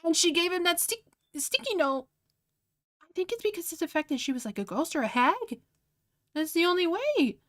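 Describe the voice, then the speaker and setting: A young woman with a high, light voice talks casually to her livestream audience while drawing. She fills her sentences with "like" and giggles often. Her reactions are animated and full of disbelief. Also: moderate pace, pauses often. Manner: giggly, laughs often, heavy use of "like". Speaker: art streamer.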